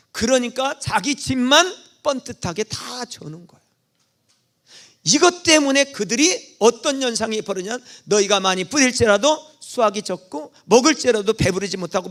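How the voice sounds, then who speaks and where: A man preaching a Sunday sermon in a church, telling the story vividly, asking questions and answering them, dropping to soft asides and rising to loud calls. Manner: animated storytelling, asks and answers own questions; swings between soft low asides and loud exclamations. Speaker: pastor. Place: church sanctuary.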